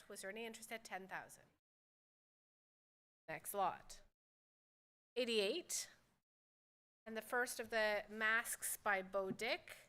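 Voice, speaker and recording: A woman's voice: a little high, bright, forceful tone. A woman working as a fine art auctioneer, calling bids at a live sale in a formal, courteous way and repeating the figures.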